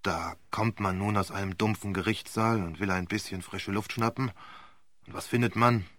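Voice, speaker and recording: A gruff old barrister, voiced by a man reading the story grumbles and growls in a low, quiet register. The sound is dry and intimate, close to the mic. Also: steady tone, normal speed, no room sound, natural voice. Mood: grumbling.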